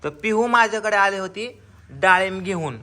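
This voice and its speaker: A man's voice: high voice, animated, moderate pace, sharp tone. A young man, a father, talking casually in a home vlog and coaxing a small child with short, repeated instructions. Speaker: father filming his children.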